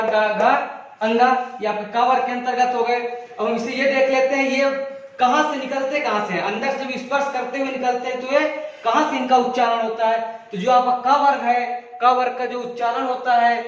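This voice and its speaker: Man, teacher, very high voice, drilling sounds one by one, asks questions and answers them, dull far-off mic, echoey room. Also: little pitch movement, moderate pace. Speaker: Hindi grammar teacher. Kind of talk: classroom lesson.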